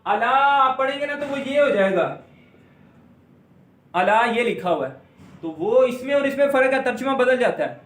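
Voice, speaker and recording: In an echoey room, a man with a very high, slightly bright voice and lively intonation guides listeners through Quran recitation one step at a time. He poses questions and answers them himself, stretching words out slowly as examples.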